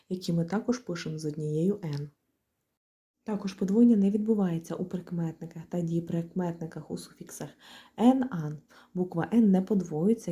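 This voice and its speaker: A woman's voice: on the low side, dark tone. A woman teaching a grammar lesson, explaining rules step by step and spelling out letters and example words. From Ukraine. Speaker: language teacher.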